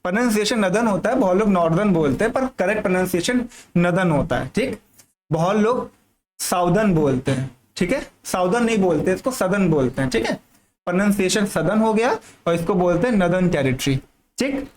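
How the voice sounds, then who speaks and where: A man a fairly high voice teaches a general studies lesson for exam students while marking up a map. He stretches out the key names slowly and keeps checking in his listeners. A light hiss of background noise sits under the recording. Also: expressive, darkish tone. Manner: repetitive, checks in with "thik hai" constantly; drawls key terms slowly.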